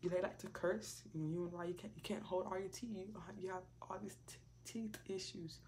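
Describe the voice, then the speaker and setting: A woman preaching casually and sharing personal testimony in a conversational, repetitive way, often slipping into hushed asides. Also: lowish voice, fairly even intonation, a little fast, a little hiss or hum.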